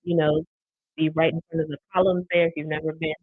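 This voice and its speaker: A woman's voice: low-pitched, little pitch movement, quick pace, dry recording. A woman co-hosting a live podcast, talking things through casually and reflectively, with lots of "you know" fillers. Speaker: podcast co-host. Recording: tinny phone-like dry sound.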